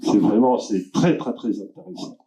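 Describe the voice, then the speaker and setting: A man hosting a literary evening, introducing the speakers in a halting way, with many filler sounds and restarts. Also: fairly low pitch, dark tone. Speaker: event host introducing speakers. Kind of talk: hesitant spoken introduction. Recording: dull lo-fi room recording.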